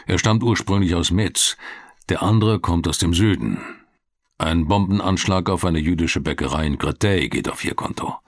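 A man's voice: low voice, normal speed, dry recording, studio quality. A man reading the part of a serious, authoritative male police official who speaks in a stern, commanding way.

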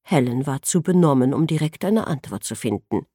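A woman reading a novel aloud as narrator, in an expressive storytelling manner. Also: a bass voice, moderate pace, no room sound, studio quality. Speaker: audiobook narrator. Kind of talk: scripted narration.

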